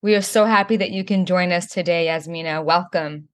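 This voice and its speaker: A woman's voice: on the low side, a little fast. A woman co-hosting a podcast, reading a scripted introduction and asking questions in a casual way. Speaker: podcast co-host.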